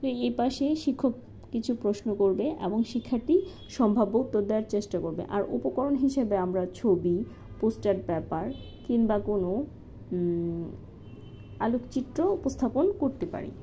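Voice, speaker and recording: A woman calmly walking through a lesson plan step by step, as a teacher-training instructor. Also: on the high side, normal speed. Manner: methodical, step-by-step with occasional fillers. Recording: slightly dull lo-fi recording with faint noise.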